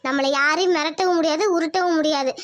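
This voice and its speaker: Very high and brisk, a woman doing a spirited young village wife in a cartoon, firm and persuasive with her husband. Her words tumble out quickly. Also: fairly even intonation, natural voice.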